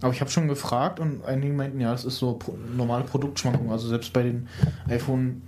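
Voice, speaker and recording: A man's voice: medium pitch, little pitch movement, quick pace, background noise. A young man in casual chat, explaining phone cases with many hesitations.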